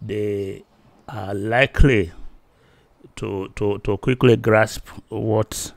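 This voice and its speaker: In a small indoor room, a Yoruba-accented Nigerian man in his fifties records a solo teaching video on a close desk mic. His voice is on the low side, steady and creaky, with no room sound. He starts slow and halting, full of fillers, then grows louder and more forceful.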